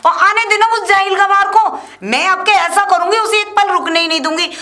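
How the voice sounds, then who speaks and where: Doting, scheming mother, played by a woman, high and bright voice, coaxing. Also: fairly quick. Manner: coaxing, conspiratorial. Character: doting scheming mother, spiteful toward daughter-in-law. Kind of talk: amateur web drama acting.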